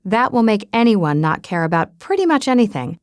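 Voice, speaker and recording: A woman's voice: mid-range voice, big pitch swings, fairly quick, no echo, clean studio sound. A woman narrating a romance audiobook in first person, reading dialogue expressively.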